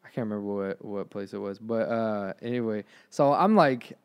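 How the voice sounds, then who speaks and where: A man's voice: lowish voice, normal speed, clear, resonant tone. A young man hosting a podcast, telling a story in casual chat, laughing often and joking around. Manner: laughs often, sarcastic joker. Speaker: podcast host.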